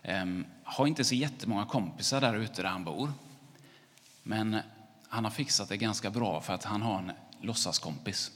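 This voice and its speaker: A man with a fairly low, husky voice tells a story to children, relaxed and unscripted with small restarts. The recording has a long reverberant tail, as in a large hall.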